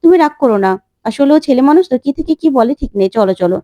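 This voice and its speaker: A woman's voice: high-pitched, lively intonation, racing, mellow, dry recording, dull audio. Woman voicing a placating young man.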